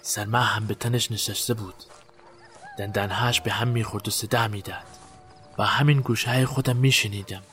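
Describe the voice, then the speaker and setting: A man's voice: lowish voice, steady tone, fairly bright tone, soft background music, natural voice. A man playing a haunted, guilt-ridden witness. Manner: halting, haunted recollection. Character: guilt-haunted man recalling a night burial. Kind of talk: audio drama acting.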